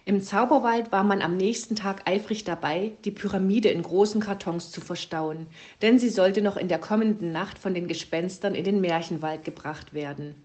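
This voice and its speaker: A woman narrating a children's story in a calm, steady read-aloud voice. Her pitch sits in an ordinary middle range. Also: normal speed, few pauses.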